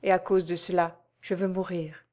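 A resigned, sorrowful young woman from an audiobook, voiced by a woman reader. She speaks softly and mournfully, sometimes rising in fear. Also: on the low side, little pitch movement, moderate pace, natural voice. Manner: soft, mournful. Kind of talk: audiobook character voice.

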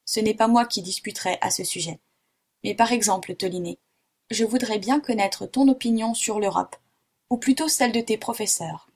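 Husky-voiced excitable French geographer, theatrical outbursts; woman reader. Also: mid-range voice, normal speed. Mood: excited. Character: excitable middle-aged male French geographer.

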